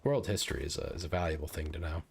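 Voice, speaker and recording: Male streamer, low voice, loose rambling banter with viewers mid-game. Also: very fast, vocal fry, darkish tone, slight background noise. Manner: chatty, rambling, joking with viewers. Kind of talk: casual live-stream gaming chat.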